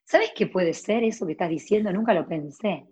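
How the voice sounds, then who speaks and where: Her voice is mid-range, darkish and slightly rough, and she talks a little fast. She's an actress in her forties with a Rioplatense Argentine accent, sharing life stories in an easygoing chat marked by restarts and side comments.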